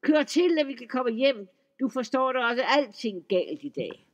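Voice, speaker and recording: A man's voice: very high-pitched, a bit bright, highs cut off, pitched above the performer's own voice. A man voicing a big, furious troll master who screams and bellows while insisting he is not angry, read in a folk-tale audiobook. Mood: screaming.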